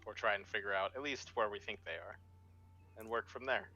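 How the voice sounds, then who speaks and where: A man's voice: on the low side, brisk, bright, forceful tone, soft background music. A man playing a tabletop game, talking casually and laughing between lines. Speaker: player. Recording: dull lo-fi microphone.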